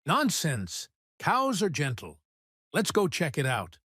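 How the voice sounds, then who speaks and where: A woman voicing a cheerful, confident cartoon father in a children's animated story, with a breezy, reassuring manner. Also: deep voice, takes it slowly, slight background noise, heavily acted. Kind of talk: animated kids' cartoon dialogue.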